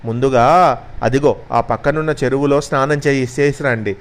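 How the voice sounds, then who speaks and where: A man voicing a group of gentle, sweet butterflies in a children's storybook, cooing softly. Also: mid-range voice, steady tone, normal speed, close to an everyday voice.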